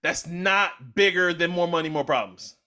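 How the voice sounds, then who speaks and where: Bright-voiced young man hosting a podcast. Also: fairly high pitch, moderate pace. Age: young adult. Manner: animated, argues loudly when heated. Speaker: podcast host. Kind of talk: casual chat.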